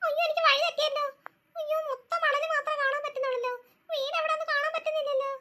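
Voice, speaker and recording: A woman plays a cartoon girl with a piercing, very high and bright voice. She chatters quickly and nervously to herself, easily spooked and jumpy. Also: level tone, slight background noise. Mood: frightened. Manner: jumpy, frightened muttering to herself. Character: scared young girl alone at night. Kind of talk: cartoon voice acting.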